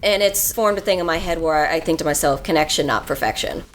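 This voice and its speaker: A woman voice actor talks shop in a convention interview, her voice sitting a little low. She explains at length and slips into little acted quotes as she goes. Faint music plays behind her. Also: fast.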